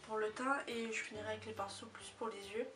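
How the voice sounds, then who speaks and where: A woman's voice: mid-range voice, fairly even intonation, a bit bright. Chatty woman reviewing, distant mic. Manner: chatty, hesitant, many filler pauses. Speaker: beauty vlogger. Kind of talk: casual product review. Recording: distant mic with music behind.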